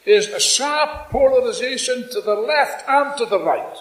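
An older man giving a fiery revolutionary speech at a stand microphone in a hall, speaking emphatically and deliberately with repetition and dramatic pauses. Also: extremely high pitch, lively intonation, fairly bright tone, distant mic. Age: 60s or older. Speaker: political speaker at a congress. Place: indoor hall before a seated audience. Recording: echoey hall public-address sound.

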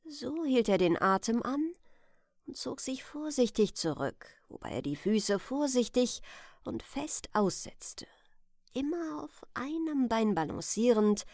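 A woman narrating a bedtime audiobook softly, dropping into a whisper at the tense moments. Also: fairly high pitch, no echo, clean studio sound.

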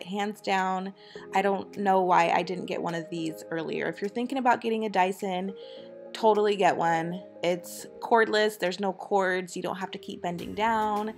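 A woman's voice: medium pitch, creaky. A woman in her thirties, a mother, chatting casually to her viewers in a home voice-over. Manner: chatty, upbeat, talks straight to viewers. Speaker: vlogger, mother.

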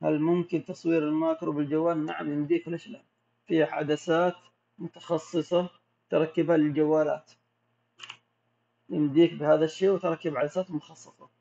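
Man, Gulf Arabic accent, slightly high voice, casual Q&A, muffled lo-fi sound. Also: a little fast, vocal fry. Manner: relaxed, explanatory, reads questions aloud. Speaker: macro photographer answering viewer questions. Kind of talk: casual live Q&A. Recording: dull lo-fi audio.

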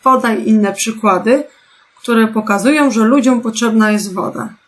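A woman teacher speaks slowly and carefully to young children, spelling out each instruction. Her voice sits a little high. She keeps turning to her pupils with gentle questions. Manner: slow, patient, clearly articulated instructions. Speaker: primary school teacher. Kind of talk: remote lesson for young children.

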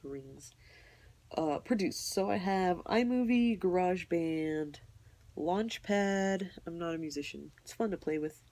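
A young woman walks through her apps in a loose, rambling way, hedging and apologizing as she goes. Her voice sits fairly low, with a gravelly, creaky edge and a slight huskiness. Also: measured pace, a little mellow. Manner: rambling, self-deprecating, apologetic, unsure. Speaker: YouTuber showing her tablet apps. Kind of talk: casual screen walkthrough.

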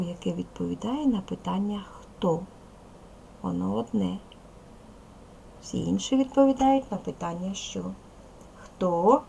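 A woman teacher with a Ukrainian accent gives a recorded lesson to small children, slow and patient. Her voice has a strong gravelly fry, and a faint hiss sits under the recording. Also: medium pitch, dark tone, rough recording. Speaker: primary school teacher. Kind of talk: video lesson for young pupils.

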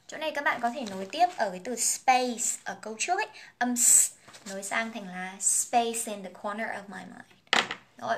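A woman's voice: a little high, fairly bright tone. A young woman whose first language is Vietnamese, teaching an English song, explaining phrases and pronunciation and singing lines in a casual, chatty way.

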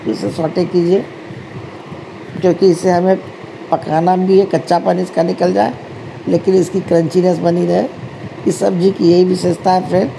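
Woman doing a cooking video at home, gravelly kinda flat voice, chatty, fixes her words a lot, ac humming behind. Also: lowish voice, noisy background. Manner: chatty, addresses viewers as friends, frequent self-corrections. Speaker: cooking channel host. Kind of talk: home cooking tutorial voice-over. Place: home kitchen.

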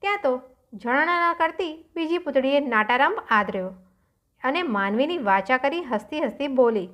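A woman with a high voice reads a folk tale aloud, expressive and rhythmic in her storytelling. She tells it at a steady reader's pace. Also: moderate pace.

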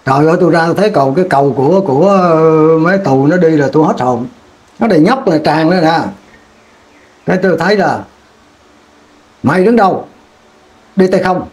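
A man's voice: a little high, fast, darkish tone. A man, recalling his war years in an interview, rambling and repeating words as he restarts sentences. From Vietnam. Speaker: veteran interviewee. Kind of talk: oral history war recollection.

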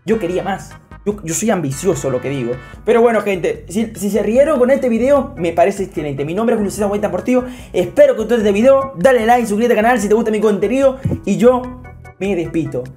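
A man gives excitable, joking live reactions to a football match and chats to his cat. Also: sits high, a little fast, soft background music.

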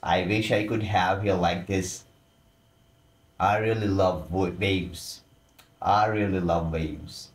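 A man's voice: low-pitched, fairly even intonation, takes it slowly. A man giving casual voice-over commentary with frequent exclamations and loose, informal phrasing. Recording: roomy echo.

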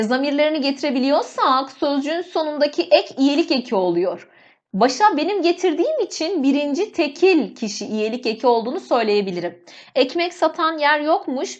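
A woman's voice: sits high, dull audio. A woman teacher going step by step through an exam, explaining each answer to her students. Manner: explains step by step, often addresses students as "friends". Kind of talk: exam walkthrough lesson.

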